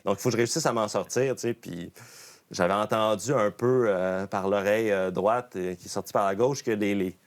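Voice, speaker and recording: A man with a fairly low voice and a Quebec French accent tells a casual anecdote as a podcast guest. He speaks like a lively storyteller, often stopping mid-phrase to restart and correct himself. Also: a little fast. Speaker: guest, professional golfer.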